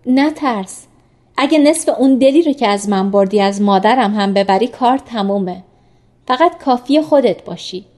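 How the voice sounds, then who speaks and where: A woman voicing a gentle, teasing young male doctor in an audiobook, speaking softly and affectionately. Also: a little high, animated, lightly acted. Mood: coaxing. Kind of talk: audiobook character reading.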